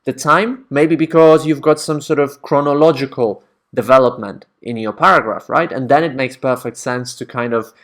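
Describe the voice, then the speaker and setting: A man's voice: medium pitch, normal speed, a bit bright. A man teaching academic writing in a casual, conversational way, often checking in with the listener. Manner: conversational, checks in with frequent "right?".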